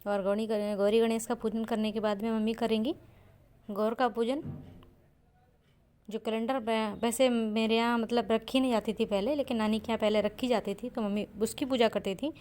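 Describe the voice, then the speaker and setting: A young adult woman narrating her vlog in a soft, chatty voice-over. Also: on the high side, fairly even intonation, normal speed. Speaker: vlogger.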